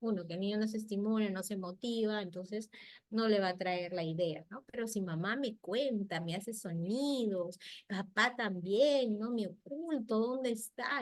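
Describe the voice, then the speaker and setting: A middle-aged woman, a speech therapist giving a lively health talk on child language. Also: mid-range voice, no echo. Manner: lively, acts out parents' and children's voices.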